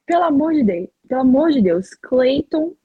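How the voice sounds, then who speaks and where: A woman's voice: high voice, sing-song, normal speed, no room sound, narrow, tinny audio. A woman hosting a casual live stream, enthusiastic and dramatic, pleading and addressing viewers. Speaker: host.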